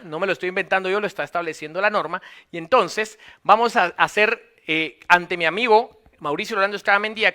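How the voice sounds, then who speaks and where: High, tense-voiced man lecturing. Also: pushed and bright. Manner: repeats phrases slowly for dictation. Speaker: law lecturer. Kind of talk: dictated lecture to note-taking students.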